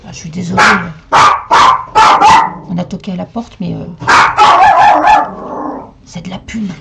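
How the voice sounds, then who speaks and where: A woman's voice: lowish voice, fairly even intonation, unhurried, vocal fry, highs cut off, heavy background noise. A woman casually hosting a live crafting demonstration from home, chatting with viewers as she works. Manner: chatty, answers viewer comments and talks to her dog. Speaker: host of a live crafting stream.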